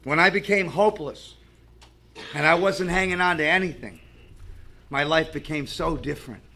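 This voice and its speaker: A man's voice: a little high, moderate pace, sharp tone. A man speaking at a recovery meeting, sharing his story in an earnest, conversational way. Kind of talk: personal recovery share with stories.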